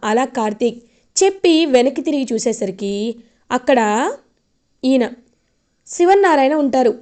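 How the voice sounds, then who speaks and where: A woman retelling the plot of a TV serial in a chatty, animated way. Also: high-pitched, normal speed.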